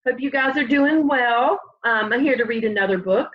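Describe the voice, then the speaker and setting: At home by a window, a woman reads a children's book aloud with lots of expression, keeping her words simple as though addressing small kids. Her voice is fairly high and moves at a normal speed, and the home webcam audio sounds slightly dull and lo-fi.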